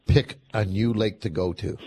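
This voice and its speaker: A man hosting an outdoor radio show, energetic and folksy. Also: fairly low pitch, moderate pace, breathy edge. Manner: energetic, folksy, plugs sponsors.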